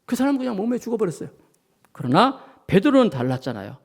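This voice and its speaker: This pastor's voice is high, quick and gravelly as he delivers his sermon. Animated and vivid, he performs the characters' voices and sound effects while addressing the congregation head-on.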